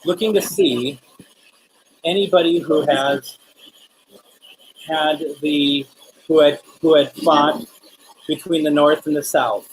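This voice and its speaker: A paranormal investigator hosting a live spirit box session, speaking casually and haltingly, often putting questions to unseen listeners. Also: medium pitch, fairly even intonation. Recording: noisy, rasping static. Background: raspy radio static noise.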